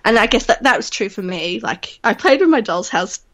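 A woman's voice: medium pitch, big pitch swings, a little fast, a bit bright. A woman with a Yorkshire accent, chatting cheerfully as a podcast guest and laughing often. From Leeds, England. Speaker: podcast guest, small business owner. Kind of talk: casual interview chat.

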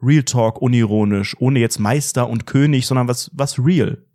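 A man's voice: mid-range voice, moderate pace, mellow. A man in his twenties co-hosting a podcast, bantering in a wry, ironic casual chat. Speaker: podcast host.

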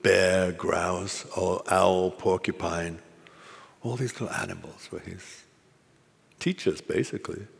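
Brief: Zen teacher, male, slow musing talk with asides, gravelly low voice. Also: steady tone, in a large hall. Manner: informal, musing, with fillers and asides. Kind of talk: dharma talk. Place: meditation hall at a retreat.

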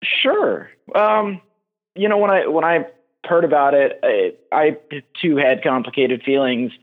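A male caller comes through a thin, tinny phone line, his voice sitting a little high for a man. He talks casually and haltingly, restarting his sentences as he goes. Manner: hesitant, halting, many restarts. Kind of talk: casual call-in chat.

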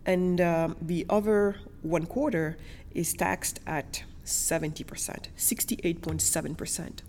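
A woman with a lowish, slightly mellow voice speaks unhurriedly over slight background noise. Originally from Senegal and later living in Germany and France, she's an interview guest telling personal stories emphatically, repeating words for stress.

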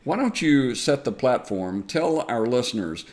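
A man's voice: mid-range voice, big pitch swings, measured pace, darkish tone. A man with a Southern US accent hosting an interview show, chatty and upbeat, with lots of uh fillers. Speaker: podcast host. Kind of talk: friendly conversational interview.

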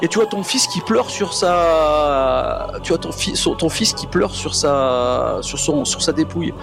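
A man improvising tabletop game narration as game master, in a hesitant, halting way, with music behind him. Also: a little high, lively intonation, vocal fry.

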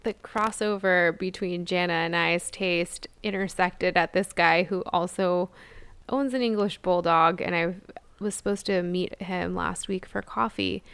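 A woman's voice: lowish voice, fairly even intonation, measured pace, fairly bright tone, clean tone, no echo. A young woman co-hosting a podcast, telling stories in a chatty, laughing way. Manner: chatty storytelling with frequent laughs. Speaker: podcast co-host. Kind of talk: casual chat.

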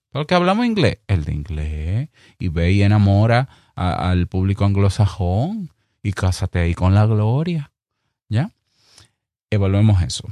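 Clear-spoken Dominican man giving podcast advice. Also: fairly low pitch, a little mellow, no room sound, studio quality. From Dominican Republic. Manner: emphatic, direct, speaks slowly and clearly on purpose. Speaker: podcast host. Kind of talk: advice talk to fellow podcasters.

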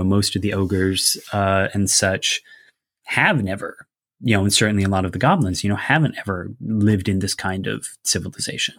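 A man with a lowish voice, recorded dry, talks casually as a game designer about a fantasy setting. He explains his ideas at great length, rambling and leaning heavily on fillers.

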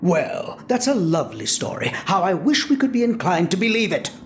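A woman's voice: on the low side, sing-song, moderate pace, a little hiss or hum. A woman playing a pompous, formal, old-fashioned traveller between worlds who talks down to strangers in an audio drama. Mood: indignant.

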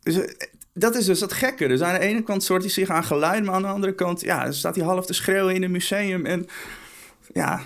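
A young man being interviewed for a documentary talks about his father, speaking hesitantly and often repeating words. His voice is high-pitched and brisk.

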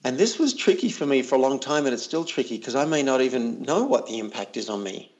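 A man's voice: mid-range voice, lively intonation, quick pace, darkish tone, lo-fi sound. A man working as a coach, talking earnestly and reflectively in a casual interview, often repeating words as he thinks.

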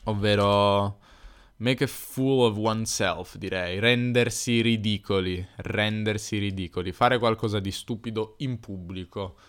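A man from Turin with a Piedmontese accent, hosting an improvised podcast for language learners, explaining slowly and correcting himself. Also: fairly low pitch, fairly even intonation, smooth. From Turin, Italy. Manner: unscripted, explains slowly, self-correcting and self-deprecating. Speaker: podcast host.

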